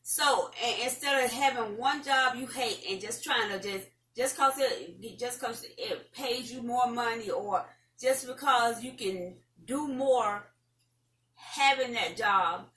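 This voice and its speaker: A woman's voice: fairly high pitch, takes it slowly, bright, forceful tone. A middle-aged woman with a Southern American accent, chatting casually and giving folksy, rambling advice to viewers as an online host. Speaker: host of an online talk show. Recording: roomy, distant mic, faint noise.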